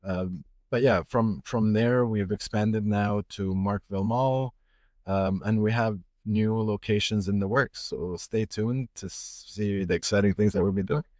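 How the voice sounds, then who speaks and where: A man's voice: fairly low pitch, measured pace, a little mellow, dry recording, studio quality. A middle-aged man from Egypt, a watch retailer, talking casually in a podcast interview with many fillers and restarts.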